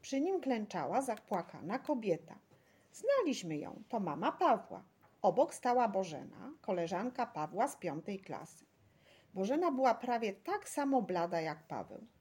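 Brief: woman audiobook narrator, animated storytelling, a little husky. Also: mid-range voice, moderate pace. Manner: lively storytelling, voices the crowd.

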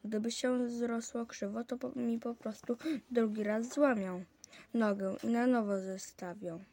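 A woman's voice: on the high side, steady tone, a little slow, mellow. A woman reading aloud, voicing a proud, bossy boy with a broken leg who talks down to his friends in a superior manner. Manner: superior, lordly.

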